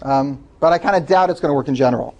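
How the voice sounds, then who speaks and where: A man's voice: on the high side, rapid-fire, a little mellow, muffled recording. A man lecturing a class, explaining step by step and taking student questions.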